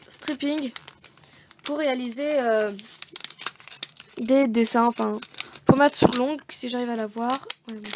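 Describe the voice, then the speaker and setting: A woman's voice: high voice, background noise. A woman chatting casually as she shows off craft and nail art supplies, rambling and correcting herself as she goes. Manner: chatty, rambling, self-correcting with many fillers. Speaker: beauty vlogger showing craft supplies. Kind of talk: casual unboxing chat.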